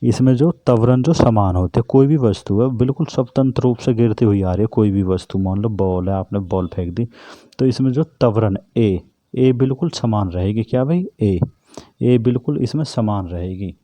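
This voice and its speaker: This physics tutor, a man with a low-leaning, dark voice, preps students for exams at a normal pace by asking questions and supplying the answers himself. His delivery is repetitive, and the sound is dry.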